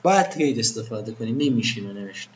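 A man's voice: lowish voice, animated, lo-fi sound, slight background noise. A man teaching web design to a live class in an informal way, asking the students questions and then answering them himself.

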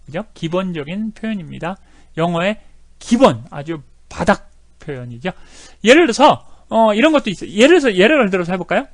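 A man's voice: high-pitched, lively intonation, a little fast, dry recording, studio quality. A middle-aged man teaching English phrases in a chatty way, with many fillers and repeated phrases. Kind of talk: explaining lesson with video clips.

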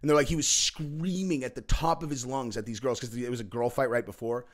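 A man, a father in his thirties, hosting a podcast and telling loose, animated stories with lots of swearing and fillers. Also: medium pitch, brisk. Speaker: podcast host. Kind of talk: casual storytelling chat.

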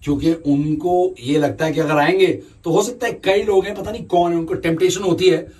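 High-voiced, fact-sharing man. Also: fairly even intonation, a little fast, a little mellow, far from the mic, slight background noise. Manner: dry wit, rattling off facts. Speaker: travel show co-host. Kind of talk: travel vlog chat. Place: inside a cable car high up.

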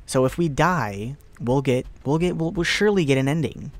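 Playing a horror game, a young man with a mid-range voice talks casually at a normal speed for a let's play. He gets worked up easily, swears, and mutters under his breath.

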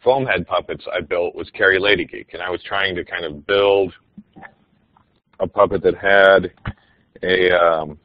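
A man's voice: deep voice, steady tone, a little slow, lo-fi sound. A man, a teacher, giving a casual, enthusiastic webinar presentation with frequent ums.

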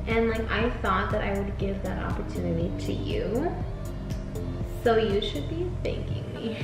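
A young woman talks casually while doing makeup, with playful, sweary banter. Her voice sits at a middling pitch in an echoey room, with music clearly audible behind it. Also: lively intonation, measured pace. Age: young adult. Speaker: makeup vlogger. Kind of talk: casual chat during makeup. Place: small indoor room with bare wall. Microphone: camera a few feet away.

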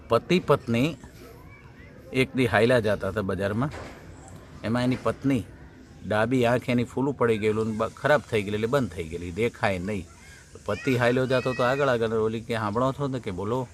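A male comedian telling folksy jokes, animated and shouting his punchlines. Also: medium pitch, normal speed, pauses often, a little hiss or hum. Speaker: stand-up comedian.

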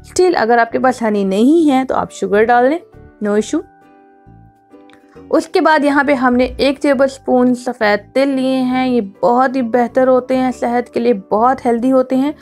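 Faint music plays under a woman's narration of a home cooking tutorial for her cooking channel. Her voice is a little high, and she walks through each step in a chatty, instructive way, often repeating herself to revisit earlier points.

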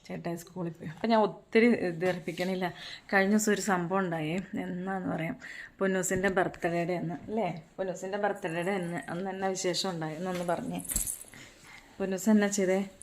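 A woman talks casually at home in her kitchen, chatty and repetitive. Her voice sits a little low, and she slips into a coaxing sing-song when she speaks to her small child. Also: steady tone, fairly quick. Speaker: mother and home vlogger. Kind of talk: casual home vlog chat.

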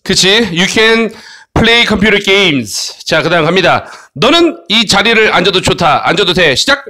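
A man's voice: high-pitched, expressive, unhurried, sharp tone. A man teaching an English lesson to children in Korean, coaxing them along with frequent tag questions.

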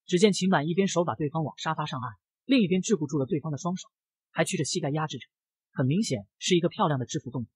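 A man telling a comic story in brisk narration. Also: fairly high pitch, animated, breathy edge, no echo.

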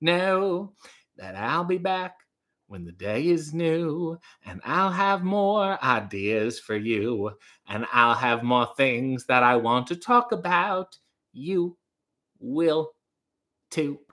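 A man's voice: fairly high pitch, expressive, slow, sharp tone. A young man giving a hammy, stage-actor style dramatic reading at close range in a home kitchen. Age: young adult. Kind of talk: hammy theatrical dramatic reading with casual asides. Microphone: camera at arm's length.

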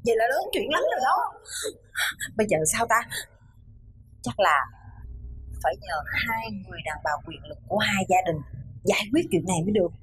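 An actress playing a gossipy worried onlooker. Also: female voice, mid-range voice, animated, fairly quick, pauses often, close to an everyday voice. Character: worried woman watching the neighbors feud. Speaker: family onlooker. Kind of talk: TV sitcom acting.

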